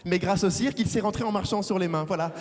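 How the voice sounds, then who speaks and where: A young man from France doing a lively stand-up comedy set, acting out characters in a big theater. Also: high-pitched, quick pace. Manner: animated, acts out characters. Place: large theater stage with audience. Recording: live hall reverb.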